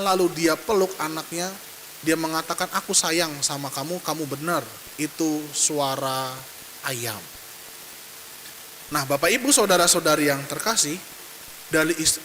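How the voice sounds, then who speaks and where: Bright-voiced priest in a reverberant church. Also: male voice, sits high. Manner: storytelling homily, acting out the father and child. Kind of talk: sermon. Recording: hissy reverberant church recording.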